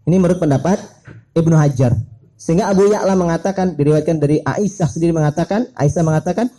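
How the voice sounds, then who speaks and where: A middle-aged man preaching a lively, humorous sermon, making playful joking asides to his audience. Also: on the high side, fast, rough recording. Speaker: Islamic preacher.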